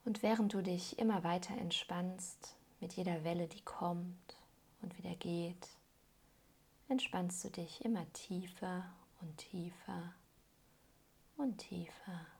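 This woman's low, soft voice guides listeners through a calming meditation in the style of a hypnotist. She instructs gently and unhurriedly at a slow pace, her breathy words frequently fading almost to a whisper.

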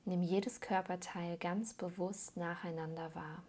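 A woman leading a soothing guided meditation as a hypnosis guide, calm and gently instructing, in a soft, breathy voice that often trails toward a whisper. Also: on the low side, a little slow.

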